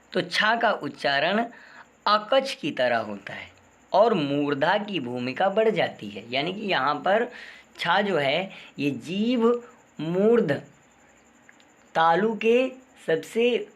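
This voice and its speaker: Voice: mid-range voice, fairly bright tone. A teacher explaining spelling and pronunciation, asking rhetorical questions and repeating the answers.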